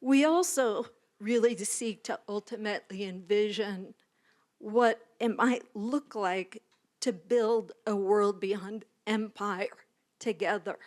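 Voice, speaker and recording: At a graduation ceremony, a woman professor gives a formal land acknowledgement, partly reading it aloud. Her mid-range, slightly mellow voice is measured and earnest.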